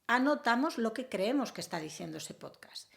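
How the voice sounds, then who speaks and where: A woman teaching English, giving a measured explanatory video lesson. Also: a little high, sing-song, fairly bright tone. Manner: clear, measured explaining with occasional fillers.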